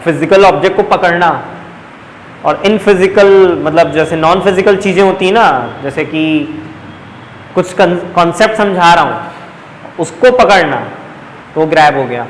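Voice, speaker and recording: A high-pitched young man with a Chhattisgarhi Hindi accent teaches a live coaching class, running through sentence patterns one after another. He talks to his students in a chatty, coaxing way. The sound is roomy, with a long echo and a faint hiss behind him. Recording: echoey classroom, faint background noise.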